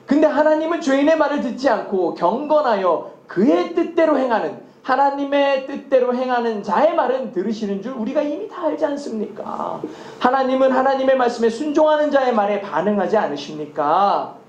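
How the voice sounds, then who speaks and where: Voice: high-pitched, lively intonation, a little fast, muffled recording. Preacher asking rhetorical questions, echoey church. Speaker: pastor. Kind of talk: sermon.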